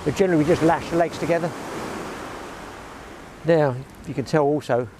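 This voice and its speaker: Holding an action camera close, a man from England in his sixties vlogs about fishing on an open shingle beach, rambling, grumbling, and cracking dry jokes in a casual chat to camera. His voice is fairly high and a little mellow, and he talks fairly quickly. Beach noise is audible in the background.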